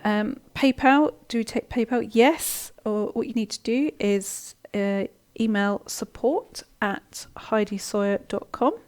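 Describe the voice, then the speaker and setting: A woman's voice: on the high side, measured pace, hardly any pauses. A woman hosting a live online coaching session, talking casually with lots of ums and restarts as she reads and answers viewer comments. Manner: chatty, warm-hearted, many ums and restarts.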